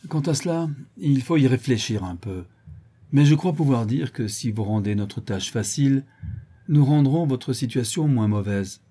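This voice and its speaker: A man's voice: medium pitch, lively intonation, moderate pace, warm tone, breathy edge. A man reading a French audiobook, voicing a relentless middle-aged country lawyer in hammering cross-examination. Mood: measured.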